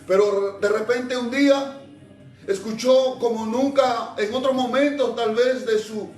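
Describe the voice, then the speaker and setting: A man's voice: very high-pitched, steady tone, unhurried, a little mellow. A man with a Peruvian accent preaching an impassioned sermon. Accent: Peruvian Spanish. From Peru. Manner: impassioned, exclamatory. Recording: echoey room, far from mic, faint music.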